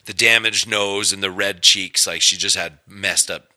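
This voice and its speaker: Male comic guest, casual anecdote, lowish pitch, bright tone, halting restarts. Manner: rambling, restarts, animated retelling. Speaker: comedian guest. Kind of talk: casual storytelling chat.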